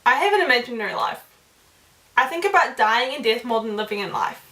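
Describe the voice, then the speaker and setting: A young woman vlogger who talks fast and giggles, reading out viewer confessions to her camera. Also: fairly high pitch, big pitch swings, pushed and bright. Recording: roomy sound, distant from the mic.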